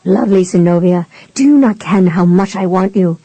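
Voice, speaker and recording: Hoarse raspy colonel read by a woman, commanding, ardent, dry close sound, audiobook. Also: lowish voice, moderate pace, mellow, no room sound, rough recording. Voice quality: hoarse rasp.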